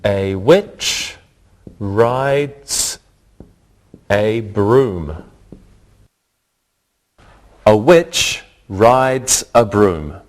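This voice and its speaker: A man teaching a scripted English lesson, speaking deliberately and repeating each word for learners. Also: on the low side, animated.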